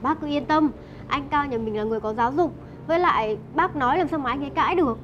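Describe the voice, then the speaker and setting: A young actress playing a sly young woman who flatters an older mother. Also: high-pitched, fast, dull audio, a little hiss or hum. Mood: flattering. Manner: sweet-talking, flattering, sharp when accusing.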